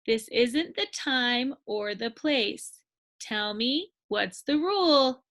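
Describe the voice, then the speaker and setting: A woman voicing a kind but firm female schoolteacher in a storybook, gently admonishing. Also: a little high, animated, slow. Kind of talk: storybook character voice.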